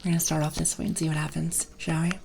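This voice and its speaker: A woman chatting casually on an ASMR stream, talking softly right into the listener's ear and often slipping into whispers, with a playful, gently silly manner. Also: low-pitched, flat delivery, fast. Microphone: close ASMR microphone. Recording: clear background noise and clicks.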